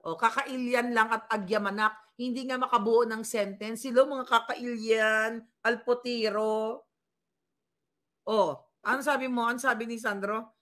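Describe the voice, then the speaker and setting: A woman's voice: a little high, steady tone, normal speed, pushed and bright. Scornful Filipino woman mocking politicians. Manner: scornful, mocking, reads viewer comments aloud. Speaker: political commentary vlogger. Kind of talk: casual live political commentary.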